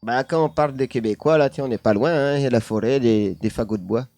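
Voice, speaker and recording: A man's voice: medium pitch, fast, warm tone, no echo, soft background music. A man streaming live, casually telling a paranormal story while chatting with his viewers, laughing often and leaning on the same filler words.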